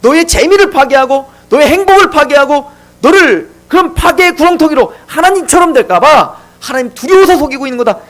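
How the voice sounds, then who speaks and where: A man's voice: very high-pitched, animated, brisk, a bit bright. A man voicing a sneering male tempter, the devil, who mocks and goads with rhetorical questions. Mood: taunting. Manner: taunting, mocking rhetorical questions.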